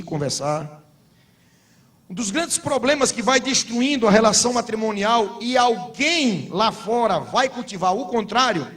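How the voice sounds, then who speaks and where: Brazilian pastor preaching, high voice. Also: male voice, a bit bright. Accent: Brazilian Portuguese. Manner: storytelling preacher, humorous anecdotes, rising to emphatic exhortation. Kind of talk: sermon at a couples' conference.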